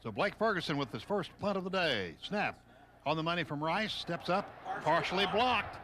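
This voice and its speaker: A man with a fairly high voice calls a football game live on the radio at normal speed. He describes the action in clipped bursts over a noisy outdoor stadium, getting excitable on the big plays.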